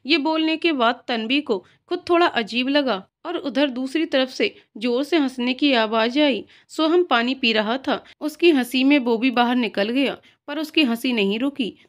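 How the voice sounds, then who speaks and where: A woman narrating a scripted moral story, reading in a steady, plain manner. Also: high-pitched, unhurried, hardly any pauses.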